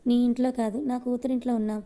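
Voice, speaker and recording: A woman reading an enraged young husband from an audio story. He barks threats and orders in a loud, harsh voice. The tone is dark and stays flat in pitch. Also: fast, a little hiss or hum, lightly acted. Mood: angry. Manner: shouting, commanding.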